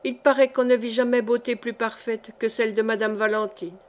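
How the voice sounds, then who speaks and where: In an audiobook, a woman voices a poor young orphan man who mocks old legends, in a light, teasing storyteller's manner. Her natural voice is a little high and steady, moving fairly quickly with a mocking mood.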